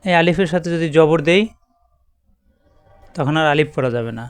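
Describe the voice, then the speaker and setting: A man with a Bangladeshi Bengali accent teaches a Quran reading lesson step by step, patiently repeating each letter. His voice is somewhat high and very smooth. It is recorded close and dry, with no room sound. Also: normal speed, dry recording.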